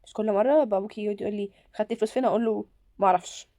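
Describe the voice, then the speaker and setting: A woman's voice: mid-range voice, fairly even intonation, rapid-fire, dark tone, no echo, lightly acted. A woman voicing an evasive working mother in a game role-play, with an Egyptian Arabic accent and an offhand, brushing-off manner.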